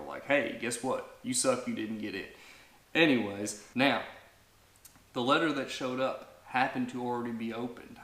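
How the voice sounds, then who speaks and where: A man's voice: on the low side, fairly bright tone, roomy sound. A man in his thirties hosting a family vlog, talking casually to camera and rambling with lots of fillers and restarts. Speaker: vlog host.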